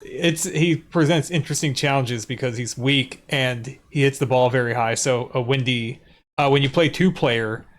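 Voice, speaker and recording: A man's voice: mid-range voice, normal speed. A man hosting a live race restream, chatting casually and laughing easily. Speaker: restream host. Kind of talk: casual race commentary chat.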